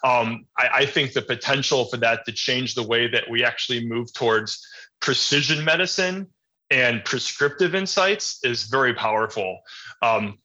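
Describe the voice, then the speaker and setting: A man answering interview questions about healthcare technology in a measured, explanatory way with frequent ums. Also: mid-range voice, bright, forceful tone. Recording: dull lo-fi audio.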